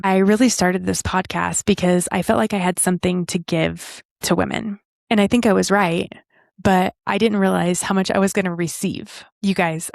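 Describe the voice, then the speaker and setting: A woman hosting a podcast and speaking in an earnest, reflective way. She slows down to stress key lines. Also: medium pitch, gravelly, dry recording, clean studio sound. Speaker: podcast host.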